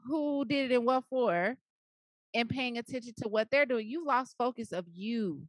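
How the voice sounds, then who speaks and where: Woman guest telling stories, playful, animated, dry close mic. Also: a little high, moderate pace, dry recording. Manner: animated storyteller, playful, quotes herself. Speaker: guest, media executive. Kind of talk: interview conversation.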